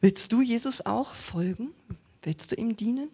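A woman's voice: fairly high pitch, unhurried, warm tone, slightly rough. A woman preaching a sermon who retells a Bible story and asks her listeners direct questions.

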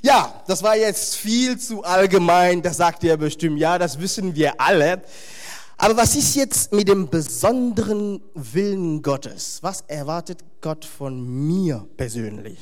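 Animated high-voiced male preacher. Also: unhurried. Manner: animated, emphatic, with wry humorous asides. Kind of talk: sermon.

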